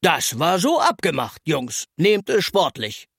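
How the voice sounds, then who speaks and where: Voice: medium pitch, big pitch swings, measured pace, vocal fry, a bit bright, husky, dry recording, clean studio sound, full character voice. Storyteller doing a kindly old grandpa, Opa Wegner. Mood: encouraging. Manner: easygoing, encouraging. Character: good-natured elderly man, neighbourhood grandpa.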